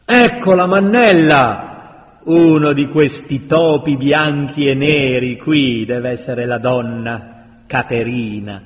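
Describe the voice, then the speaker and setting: A man's voice: mid-range voice, flat delivery, slow pace, lightly acted. A man voicing a sneering, burly bearded brute in a storybook reading. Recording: long reverberant room sound.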